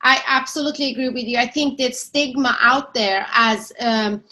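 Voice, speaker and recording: A woman's voice: fairly high pitch, moderate pace, bright, forceful tone. A woman from Iran and Sweden hosting a conversational interview, earnest and affirming, sometimes searching for words. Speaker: host.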